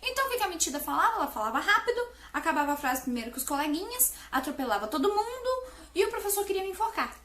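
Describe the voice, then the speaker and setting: Animated woman with a high voice. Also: roomy sound. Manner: fast, animated, playful talk with sudden loud stresses. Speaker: English teacher and YouTuber. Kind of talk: energetic casual tutorial to camera.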